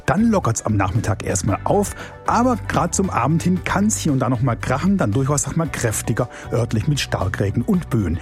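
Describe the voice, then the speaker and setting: A man's voice: medium pitch, very animated, a little fast, faint music behind. A man giving a casual, colloquial weather forecast on the radio. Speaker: weather presenter.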